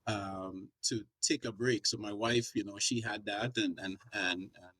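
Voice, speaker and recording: A middle-aged or older man from the US Virgin Islands, a podcast guest talking casually and pausing often to find his words. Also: fairly low pitch, fairly even intonation, pushed and bright, slight background noise, low-quality recording. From US Virgin Islands (St. Croix). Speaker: podcast guest, therapist and life coach. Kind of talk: casual interview talk.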